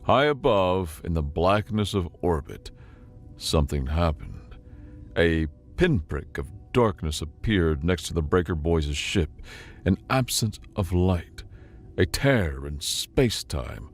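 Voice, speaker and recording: A man narrating a sci-fi story in an expressive, dramatic audiobook style. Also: deep voice, takes it slowly, faint music behind.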